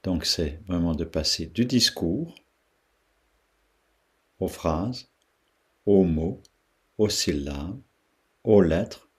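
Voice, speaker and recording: A deep-voiced man guides a meditation in an unhurried, pausing way. His voice is low and husky, and he often repeats sounds and words to let them sink in. He speaks with the calm patience of a teacher. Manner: slow, pausing, repeats syllables to demonstrate their sound.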